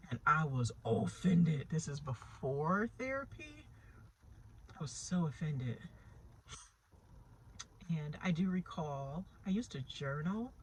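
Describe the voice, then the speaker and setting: A woman's voice: sits low, very animated, slow, long pauses, slight background noise, rough recording. A woman telling her own story in a candid, reflective way, with small laughs and frequent restarts. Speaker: vlogger sharing her therapy story. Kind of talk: personal storytelling.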